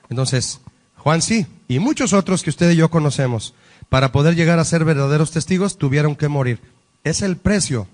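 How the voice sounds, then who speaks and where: Emphatic pastor, fairly high voice. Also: male voice, a little mellow. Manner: emphatic preaching with rhetorical questions to the congregation. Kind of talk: sermon teaching.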